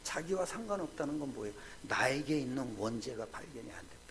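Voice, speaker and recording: A male pastor delivering a sermon, firing off rhetorical questions and swinging from hushed, low asides to loud, shouted points. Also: lively intonation, quick pace, a little hiss or hum. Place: church sanctuary.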